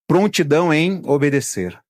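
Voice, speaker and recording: Pastor, male, middle-aged, higher-pitched voice, conversational sermon delivery, dry close-mic sound. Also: very animated, moderate pace, darkish tone, no room sound. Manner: conversational preaching with retold family anecdotes.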